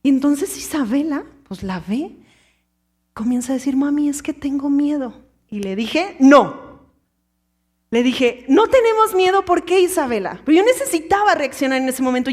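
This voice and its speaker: A woman in her thirties preaching an impassioned sermon, swinging from loud exhortation to hushed whispers. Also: sits high. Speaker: pastor.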